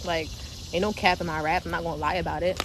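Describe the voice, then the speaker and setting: Steady background noise runs under this spiritual livestream, where a young woman from Delaware, her accent tinged with New York, chats loosely, curses, and laughs a lot. Her voice is lowish and fast.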